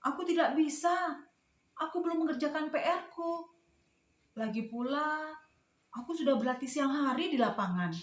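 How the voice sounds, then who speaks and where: A woman voicing an eager young schoolboy in a storybook read to small children, exclaiming in an animated, childlike way. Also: sits high, moderate pace, pauses often. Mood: surprised, reluctant. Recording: roomy, echoing indoor sound.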